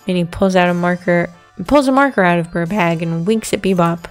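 A woman's voice: fairly low pitch, fairly quick. A woman narrates a story game aloud and drops in casual asides of her own. Music plays behind the voice.

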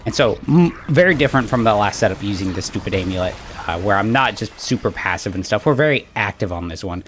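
A man's voice: fairly low pitch, lively intonation, fast, fairly bright tone, slight background noise. Breathless man chatting through gameplay. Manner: chatty, rambling, frequent fillers and "right?" asides. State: out of breath after exercising. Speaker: gaming channel host. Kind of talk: casual gameplay commentary.

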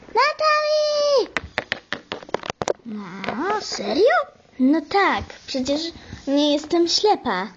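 A girl doing a loud, high-calling female pet detective. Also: sing-song, slow pace, lo-fi sound, very noisy, heavily acted. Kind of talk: toy-figure home video acting.

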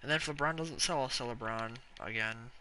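A young man live-streaming a video game, rambling casually to viewers and breaking into excited yelling and swearing. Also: mid-range voice, fairly quick, a little hiss or hum, poor audio. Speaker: gaming streamer.

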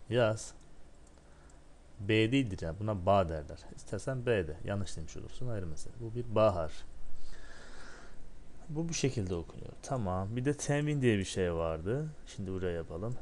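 A man's voice: fairly low pitch, a little mellow, slight background noise. A man teaching beginners a language lesson step by step, asking himself questions and answering them, and drilling syllables one by one. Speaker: Arabic teacher.

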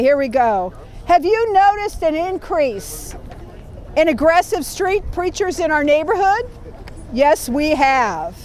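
A woman leading a community training, reading a guide aloud to a group in a projecting teacher voice and checking in with them. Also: very high-pitched.

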